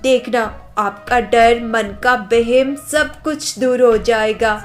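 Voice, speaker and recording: Woman doing a breezy young cartoon daughter-in-law, high voice, unhurried. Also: soft background music. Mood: cheerful. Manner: lighthearted, dismissive, chatty. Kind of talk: cartoon story voice acting.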